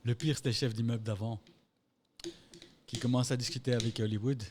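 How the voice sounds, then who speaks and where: A man's voice: mid-range voice, flat delivery, brisk, noisy background. A man telling anecdotes in a loose, casual chat, swearing freely and imitating other people. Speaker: podcast co-host.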